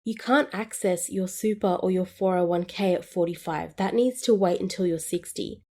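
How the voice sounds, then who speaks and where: A woman in her twenties, whose voice is on the low side and darkish, speaks at a moderate pace on her scripted solo personal finance podcast. Her explanations are upbeat and friendly.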